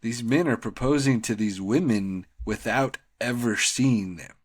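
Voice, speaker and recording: A man's voice: mid-range voice, a little slow, slightly rough, no echo, clean studio sound. A man co-hosting a podcast, talking casually about TV shows in a rambling, slangy, conversational way. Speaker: podcast co-host.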